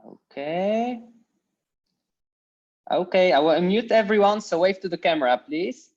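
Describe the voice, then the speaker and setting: A Polish woman teaches a casual online Dutch class, giving friendly, hesitant instructions filled with fillers. Her lowish voice is animated, unhurried and a little mellow. She's on a computer mic over a video call, and the lo-fi audio sounds dull.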